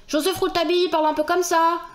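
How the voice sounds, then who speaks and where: Give me a bright young reporter with a soft lisp, played by a woman, high and bouncy. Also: flat delivery, rapid-fire, echoey room. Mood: chirpy. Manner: slight lisp, odd questioning intonations. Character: young man, brainy cub reporter with a lisp.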